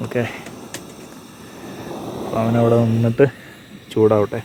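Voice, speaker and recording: At a hilltop viewpoint outdoors, before and at dawn, a travel vlogger narrates his activities casually in Malayalam mixed with English. His mid-range voice is monotone and a little slow, with background noise present.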